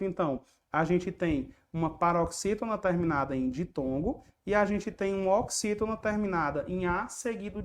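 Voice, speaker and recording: A young man teaching an online exam prep lesson, chatty and jokey, repeating each key point and rhyme. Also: high-pitched.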